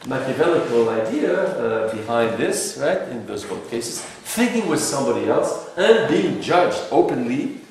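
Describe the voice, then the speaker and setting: A man from Algeria leads a philosophy workshop, lecturing a group in a wry, teasing way and laughing between remarks. His medium-pitched voice swings widely in pitch and moves a little slowly. The recording is from far off in an echoey room, with a faint hiss.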